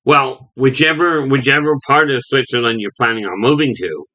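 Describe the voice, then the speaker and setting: A man from Canada talks through his opinions in a loose monologue. His voice is bright and forward, and he keeps stopping to restart a phrase or drop in an "okay". The pitch sits at an ordinary middle height. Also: moderate pace, rough recording. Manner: rambling with frequent restarts and "okay". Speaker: video host.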